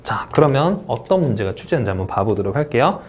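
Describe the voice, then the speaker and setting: A man at a medium pitch runs an English speaking test review lecture. He talks with energy, starts his sentences with a quick filler, and repeats the scoring points so they stick. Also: slight background noise. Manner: energetic, repeats key points, says "자" often.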